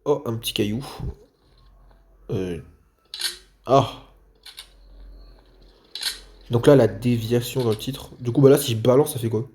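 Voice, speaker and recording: A man's voice: mid-range voice, measured pace, long pauses, mellow, slight background noise. Man thinking aloud over a game. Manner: thinks aloud while playing, talks to viewers playfully. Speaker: gaming video creator. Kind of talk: let's play commentary.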